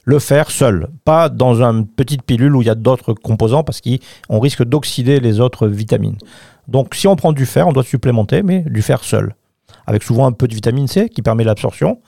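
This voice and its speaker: Gravelly, dark-voiced doctor explaining. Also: male voice, medium pitch, moderate pace, no echo, clean studio sound. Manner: explanatory, emphatic. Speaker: doctor guest. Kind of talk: radio health chat.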